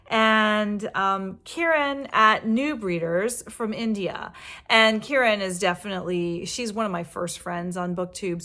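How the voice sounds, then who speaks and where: A woman's voice: mid-range voice, a bit bright. A middle-aged woman who is a reading teacher, chatting casually about books to her viewers, tired after a workday, with many fillers and restarts. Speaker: book vlogger and reading teacher. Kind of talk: casual chat to camera.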